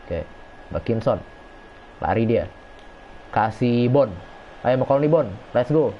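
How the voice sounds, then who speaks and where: A man's voice: mid-range voice, animated, takes it slowly. A man streaming a football video game, reacting to plays and chatting with viewers as he reads comments. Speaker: gaming streamer. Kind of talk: casual live game commentary. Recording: dull lo-fi stream audio, faint noise.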